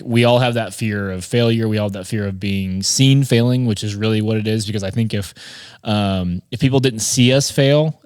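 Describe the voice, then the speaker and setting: A podcast host and marketer gives an informal, conversational motivational talk about business, speaking directly to his listeners. His voice is fairly low, captured in a dry, clean studio recording.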